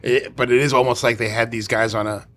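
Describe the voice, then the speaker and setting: A man who co-hosts a golf radio show, answering interview questions in an animated, emphatic way. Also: medium pitch, fast talker. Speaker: guest, golf radio co-host.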